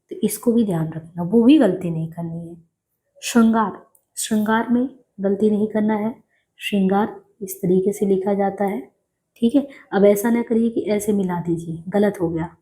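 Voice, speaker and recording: A woman's voice: mid-range voice, dark tone. A woman teaching correct Hindi spelling for exam preparation, patiently repeating each word and checking in with her students as she goes. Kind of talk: exam-prep spelling lesson.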